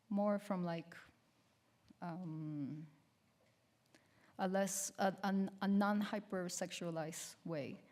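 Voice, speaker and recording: A woman in her fifties from Colombia, lecturing slowly and hesitantly with frequent ums and restarts. Her voice sits a little low. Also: darkish tone. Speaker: guest artist giving a lecture. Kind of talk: public lecture with slides.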